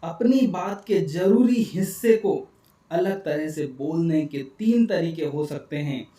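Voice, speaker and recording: Slow, mellow man narrating a book summary. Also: fairly high pitch, reverberant, recorded from a distance. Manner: calm, explanatory, addresses viewers directly. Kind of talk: scripted narration.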